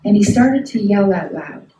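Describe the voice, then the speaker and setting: A woman's voice: medium pitch, expressive, normal speed, mellow, a little hiss or hum. A middle-aged woman teaching a health ministry class, folksy and emphatic, often asking the class questions. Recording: echoey room from a distant mic.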